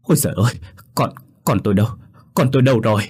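A man's voice: deep voice, fast, husky. A man voicing a wealthy woman driven half mad with grief, shrieking frantic questions in a spoken horror story.

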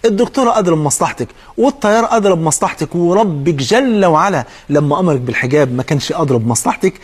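A man with an Egyptian accent preaches at a rapid clip in a high voice. His tone is husky, and he speaks straight to the listener with pointed questions. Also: expressive. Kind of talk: sermon.

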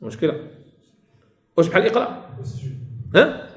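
Male teacher, high animated voice, quizzes his class and repeats points, echoey classroom sound. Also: normal speed. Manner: asks students questions and repeats key phrases. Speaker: Quran recitation teacher. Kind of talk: classroom lesson.

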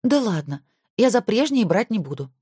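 A woman voicing a sly young woman dancer in an audiobook, coaxing and breathy. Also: mid-range voice, very animated, moderate pace, mellow, no room sound, studio quality, voice pushed up.

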